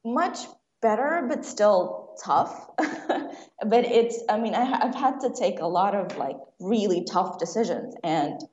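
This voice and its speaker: A young adult woman from Saudi Arabia, a screenwriter guest in a conversational interview, talking quickly and laughing often. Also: mid-range voice, lively intonation, a little mellow. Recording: roomy, dull sound with faint noise.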